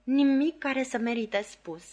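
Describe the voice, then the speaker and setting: A woman's voice: sits high, a little mellow, pitched above the performer's own voice. A woman reading an audiobook, voicing Camila, a fragile, self-pitying lady who sighs and drags out her complaints. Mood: plaintive. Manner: plaintive, sighing, drawn-out.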